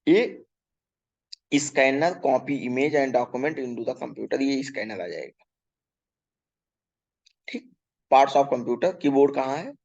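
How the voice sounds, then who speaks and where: Slow-paced man teaching a kids' lesson. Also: mid-range voice, vocal fry, darkish tone, highs cut off. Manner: reads English questions slowly, explains in Hindi; spells words out letter by letter. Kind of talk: workbook lesson for young pupils.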